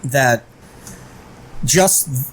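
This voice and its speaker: A man's voice: mid-range voice, very slow, a bit bright. A man co-hosting a casual podcast, cracking dry, crude jokes. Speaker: podcast co-host. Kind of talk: casual drinking-podcast chat.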